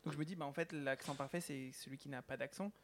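A man's voice: on the high side, fairly even intonation, quick pace, a bit bright, a little hiss or hum. A young man, speaking as a panellist in a casual round-table discussion.

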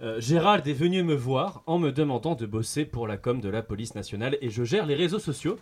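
A man's voice: medium pitch, animated, fairly quick, breathy edge. A man playing a smug reactionary who now runs police social media, speaking in a matter-of-fact way in a comedy radio sketch.

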